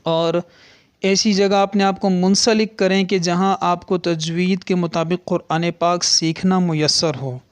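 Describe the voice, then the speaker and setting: Clear and resonant, his high voice shows little pitch movement, recorded with no room sound. The man earnestly teaches how to recite the Quran properly, pronouncing letters aloud so listeners can hear how they differ.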